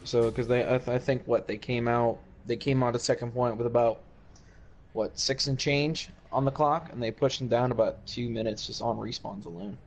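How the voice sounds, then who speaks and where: A man casting an esports match play-by-play, relaxed and a little tired. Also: medium pitch, normal speed. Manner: relaxed, tired, yawning between calls. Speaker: esports caster. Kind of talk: play-by-play commentary. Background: music.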